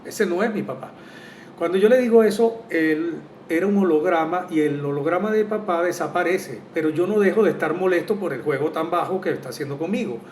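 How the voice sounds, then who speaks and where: A man speaking as a spiritual therapist in a casual monologue, earnest and reflective, often pausing on "eh". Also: darkish tone. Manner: earnest and reflective, with frequent "eh" hesitations. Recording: roomy echo from a distant mic, faint rumble.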